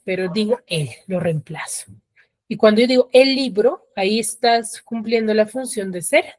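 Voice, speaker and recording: A woman's voice: medium pitch, no echo, studio quality. A woman teacher giving an online grammar lesson, explaining step by step and often checking that students follow. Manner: explanatory, checks understanding with frequent tags. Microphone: video call.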